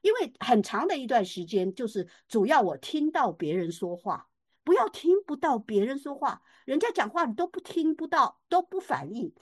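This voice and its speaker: An older woman giving a personal faith testimony at church, emphatic and expressive, with frequent fillers and restarts. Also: sits high, normal speed, no echo, studio quality.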